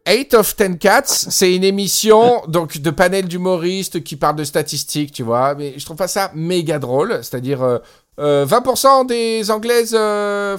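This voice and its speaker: A man co-hosting a podcast in casual chat, talking enthusiastically with frequent hesitations, recorded over a Skype call. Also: high-pitched. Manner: enthusiastic, hesitant with many fillers. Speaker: podcast co-host.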